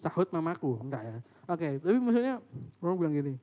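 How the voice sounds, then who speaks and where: High-voiced young man preaching casually. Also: fast talker. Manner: animated, joking with the audience, mimics family voices. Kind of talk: casual sermon storytelling. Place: church service room.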